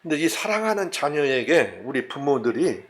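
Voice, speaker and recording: A man with a Jeolla Korean accent preaches a Sunday sermon. His voice sits a little high and leaps up and down in lively swings as he acts out the stories. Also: normal speed. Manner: animated, acts out scenes with voices and laughs. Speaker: pastor.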